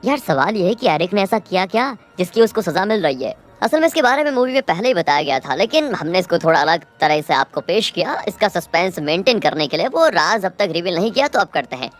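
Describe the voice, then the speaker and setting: A woman with a low voice retells a movie's plot in a dramatic storytelling manner. She talks to viewers directly, as if to friends. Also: sing-song, a little fast, few pauses, soft background music. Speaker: movie recap narrator.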